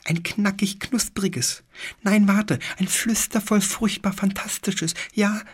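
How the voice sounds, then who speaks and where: A man voicing a small furry guinea-pig-like creature with a lisp, in a fussy, excited, whispery squeak. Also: slow pace, breathy edge, exaggerated voice. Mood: eager. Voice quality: lisping. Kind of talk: storybook reading.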